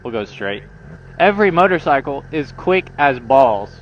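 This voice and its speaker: A man's voice: mid-range voice, sing-song, moderate pace, lo-fi sound. A man vlogging as he rides, talking casually to viewers in slangy, profanity-laced language. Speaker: motorcycle vlogger. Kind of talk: casual riding commentary to viewers. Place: outdoors, riding a motorcycle on the road. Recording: noisy outdoor motorcycle ride, engine and traffic.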